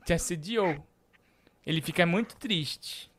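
A man hosting a live show, reading out shout-outs and teasing a caller in a playful way. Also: on the high side, a little slow. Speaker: host.

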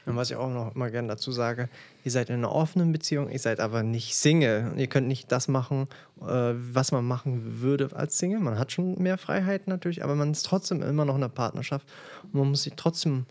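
A man's voice: mid-range voice, brisk, darkish tone. Blunt man co-hosting a podcast. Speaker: podcast co-host, partner of the host. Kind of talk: casual podcast chat.

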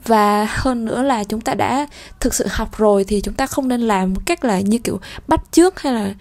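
A woman's voice: a little high, darkish tone. Patient woman teaching French numbers. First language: Vietnamese. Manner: patient, repeats numbers slowly and clearly. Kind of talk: language lesson.

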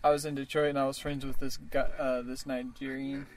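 A man's voice: mid-range voice, flat delivery, brisk. A man telling a rambling story in casual chat, laughing often.

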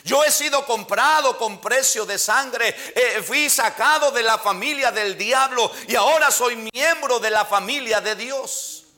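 A man preaching an emphatic sermon in church, often calling his listeners brother and reading scripture aloud with slow stress. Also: very high voice, bright, forceful tone. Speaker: pastor.

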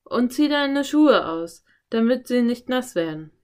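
A woman's voice: fairly high pitch, animated, a little slow, clear, resonant tone, pitched above the performer's own voice. Woman doing a cautious bookish young boy. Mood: earnest. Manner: earnest, worried exclamations.

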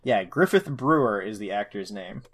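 A man's voice: fairly low pitch, expressive, moderate pace, breathy edge. A man co-hosting a podcast, recapping an episode in a casual, irreverent, sweary way. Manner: irreverent, profane. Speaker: podcast co-host.

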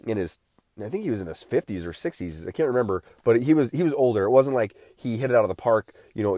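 There's a clean studio sound with no echo as a man in his late thirties, his voice on the low side and a little mellow, hosts a casual solo podcast. Still recovering from being unwell, he rambles with frequent restarts and fillers.

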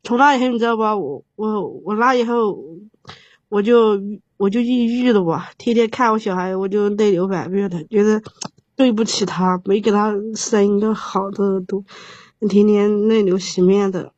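A woman in her thirties, halting and rambling, with many restarts. The sound is dull and lo-fi, and the recording is dry. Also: mid-range voice, steady tone, darkish tone, no echo. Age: 30s. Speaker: caller. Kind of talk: emotional advice call.

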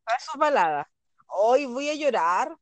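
A woman's voice: sits high, sing-song, unhurried, dry recording. A woman with a Chilean accent co-hosting a podcast, chatting in a giggly, gushing fan manner. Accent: Chilean Spanish. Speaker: podcast co-host. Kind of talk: casual chat.

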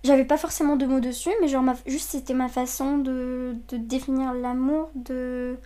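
A woman's voice: sits high, flat delivery, moderate pace, warm tone. A woman in her twenties who grew up in Saudi Arabia, speaking hesitantly with many fillers and restarts in a personal testimony. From Saudi Arabia, of Lebanese parents. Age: 20s. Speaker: interviewee.

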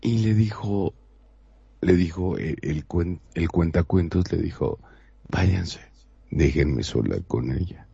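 Casting: deep, husky radio man, slow dramatic storyteller, dull dry sound. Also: warm tone, no echo. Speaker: co-host. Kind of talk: casual radio chat, storytelling.

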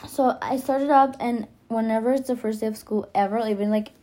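A teenage girl, a high school freshman and native Spanish speaker with a Spanish accent, hosts a podcast. Her voice is fairly high, brisk and mellow, with fairly even intonation. She talks casually and hesitantly in a self-conscious, rambling monologue.

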